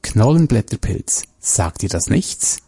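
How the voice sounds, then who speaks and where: Guy reading a betrayed wife, quiet and cutting, low soft husky voice, storybook. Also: sing-song, slow pace, exaggerated voice. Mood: cold. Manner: quiet, cutting, pressed through teeth. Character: betrayed wife, cold and vengeful.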